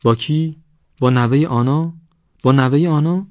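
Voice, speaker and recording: A man's voice: on the low side, a little mellow, no echo, natural voice. A man voicing a desperate village mother who pleads and cries out shrilly. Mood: desperate, pleading. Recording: dull lo-fi audio.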